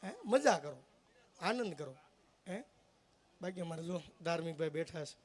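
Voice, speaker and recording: A man's voice: a little high, lively intonation, moderate pace. A man telling comic stories live on stage, joking and teasing the audience directly. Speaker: folk stage comedian.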